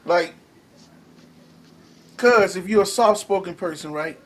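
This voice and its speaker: A man hosting a casual relationship talk show, reading viewer comments aloud and talking in a loose, excitable way that gets loud when he makes a point. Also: high voice, slow. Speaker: podcast host reading live comments. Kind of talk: casual chat.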